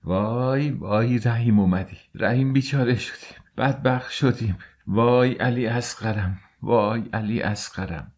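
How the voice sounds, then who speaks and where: A man's voice: mid-range voice, a little mellow, pitched above the performer's own voice, close to an everyday voice. A man voicing a grief-stricken middle-aged mother who wails and laments in an audiobook. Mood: wailing. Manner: keening, lamenting cries.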